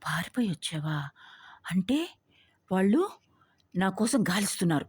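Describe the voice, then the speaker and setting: A woman voicing an anxious but bold young woman who questions sharply and loudly, in a husky voice. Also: mid-range voice, very animated, normal speed, no room sound. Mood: startled, eager.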